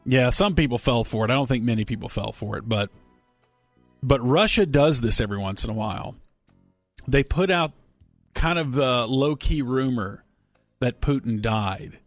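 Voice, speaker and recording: A man's voice: medium pitch, normal speed, no echo, faint music behind. A man hosting a casual radio talk show, rambling and joking as he reads listener emails and banters with his co-hosts. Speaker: radio host. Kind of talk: casual sports radio chat.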